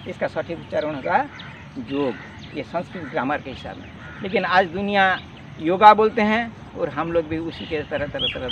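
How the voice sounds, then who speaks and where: A man with a high, lively voice teaches a yoga lesson, explaining earnestly and repeating key words. He sounds set back from the mic. The lo-fi recording carries a faint outdoor hum. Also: distant mic.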